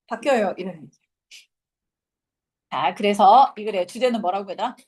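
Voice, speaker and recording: A woman's voice: mid-range voice, moderate pace, darkish tone. A young woman teaching an English class, lecturing casually and quizzing her students.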